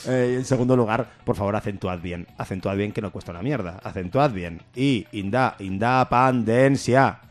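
A man's voice: on the low side, a little fast, few pauses, darkish tone. A man chatting casually and jokingly on a podcast, rambling through a comic argument. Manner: rambling, jokey, breaks into laughter. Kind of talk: casual comedic chat.

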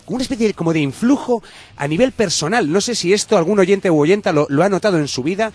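A man in his thirties hosts a comedic radio chat with a fairly high-pitched voice. He speaks from in a theatrical, ironic manner and rambles through his points. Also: lively intonation, quick pace, a little mellow, slightly rough, dry recording. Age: 30s. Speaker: radio host.

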